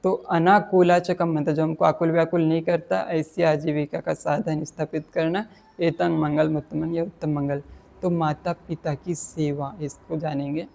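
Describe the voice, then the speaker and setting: A man's voice: fairly high pitch, vocal fry, mellow. A man giving a dhamma talk, explaining Pali verses in plain words and mixing in English terms. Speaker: Buddhist dhamma teacher.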